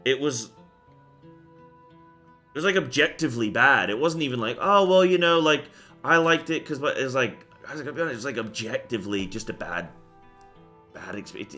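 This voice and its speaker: Over faint background music, a young man chats casually with viewers during a game stream. His medium-pitched voice sounds pushed and bright as he rambles with plenty of fillers, getting fired up whenever he starts ranting.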